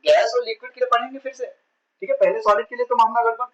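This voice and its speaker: A man with a very high voice teaches physics in a chatty exam-prep lecture. He keeps asking his students rhetorical questions and slips English terms into his talk. The recording sounds dull and lo-fi. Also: steady tone, quick pace, crowd noise. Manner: mixes English terms into Hindi.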